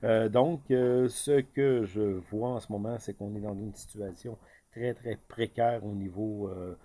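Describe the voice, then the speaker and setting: Hesitant Québécois man, mellow low voice. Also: fairly even intonation, measured pace. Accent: Québécois French. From Quebec. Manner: hesitant, many fillers and restarts. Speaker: market commentator. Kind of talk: casual video commentary.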